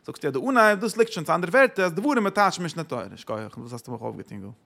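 A man teaching a religious text lesson. He asks himself questions, answers them, and hits sudden loud stresses. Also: on the high side, very animated, racing, vocal fry. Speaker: Torah teacher.

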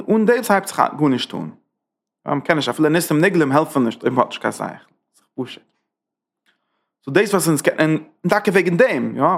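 Creaky-voiced man giving a Torah class. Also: medium pitch. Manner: rhetorical questions, repetitive emphatic phrasing. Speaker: rabbi teaching a Torah class. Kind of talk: Torah lecture.

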